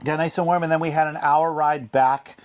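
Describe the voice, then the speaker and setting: A man's voice: fairly high pitch, fairly even intonation, brisk. A man hosting a road-trip vlog, chatting in an easygoing, casual way. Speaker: RV travel vlog host. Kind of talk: casual travel chat.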